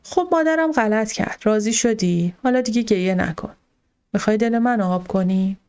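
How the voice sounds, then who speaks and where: A woman reading the lines of a young carpenter husband who coaxes and gently teases his upset wife, in a Persian audiobook. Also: medium pitch, smooth, close to an everyday voice. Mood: teasing. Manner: coaxing, gently teasing.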